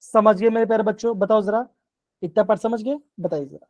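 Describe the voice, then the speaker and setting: This man teaches chemistry live online in a brisk, high-pitched, slightly mellow voice, with no room sound audible. Going step by step, he says things more than once and keeps asking the class whether they follow.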